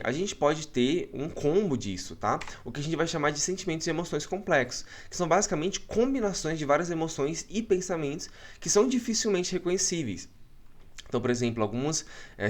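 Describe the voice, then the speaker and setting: A man from Brazil, giving an explanatory online psychology lecture from home and checking in with listeners after almost every point. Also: fairly high pitch. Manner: frequent checking tags, explanatory.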